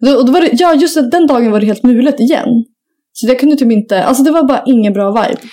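Chatting casually, a young woman podcast co-host spins a meandering story packed with filler words and casual cursing. Her voice is high and warm.

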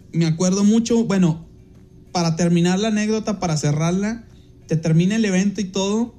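A Mexican man with a fairly high but mellow, warm voice recounts an anecdote in a loose, rambling way, full of fillers and self-corrections. He hosts a podcast and works as a DJ, and when he quotes someone he slips into a brighter, livelier voice. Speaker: podcast host and DJ. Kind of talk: casual anecdote telling.

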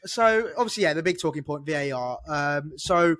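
A young man hosting a football podcast, hesitant and full of fillers, quick to laugh. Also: a little high, expressive, fairly bright tone, dry recording, clean studio sound. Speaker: podcast host. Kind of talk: casual chat, leading discussion.

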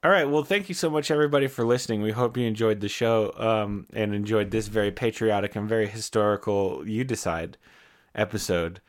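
A man's voice: fairly low pitch, brisk. A man co-hosting a comedy podcast, chatting casually and playfully, often breaking into giggles. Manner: playful, giggly, stammering bits. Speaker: podcast co-host.

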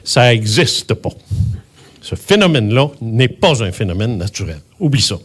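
A man in his seventies with a Québécois accent, telling a personal story in an emphatic, animated way and swearing often. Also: medium pitch, moderate pace, breathy edge. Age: 70s.

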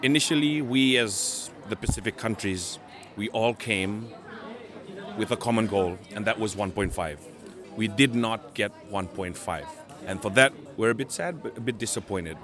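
A man from Fiji, giving earnest interview answers and pausing to search for words. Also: lowish voice, a crowd in the background. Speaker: Pacific island campaigner interviewed at a meeting.

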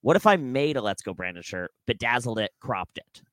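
A young man co-hosting a comedy podcast, his pitch swinging widely as he jokes and restarts his sentences. The sound is dry and close to the mic. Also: no echo. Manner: animated, jokey, halting with restarts. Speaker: podcast co-host. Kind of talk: casual comedic chat.

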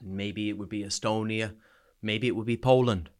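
Frank and halting, a man from small-town New Brunswick shares his personal story from the war as a podcast guest. His lowish voice stays steady in tone, and his Canadian accent has a twang that sounds somewhat Irish.

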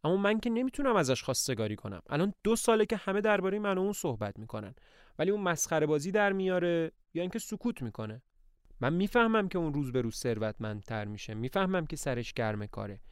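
A man's voice: a little high, sing-song, clean tone, dry recording, studio quality, pitched above the performer's own voice. A man reading the lines of an earnest, worried young woman who runs a household and speaks with frustration.

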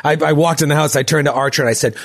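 A man chatting and then narrating a tabletop game as game master, with a lively, dry delivery. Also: on the high side, racing, very noisy. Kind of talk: casual chat and game narration.

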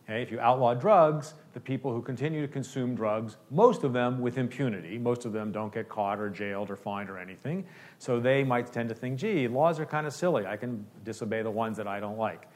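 A man's voice: medium pitch, brisk, a little mellow. A man who says he is an economist, explaining his view and answering audience questions, often checking in with "okay?". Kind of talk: lecture Q&A.

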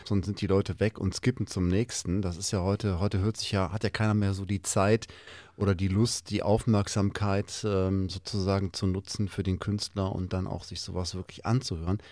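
Man, host, low voice, dry sound, hesitant, lots of fillers. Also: little pitch movement, normal speed, darkish tone, no echo. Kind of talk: casual chat.

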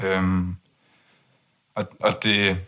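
A young man speaking in a monotone, low-key way with many hesitant restarts, talking candidly as an interview guest. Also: clear, resonant tone. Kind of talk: candid personal conversation.

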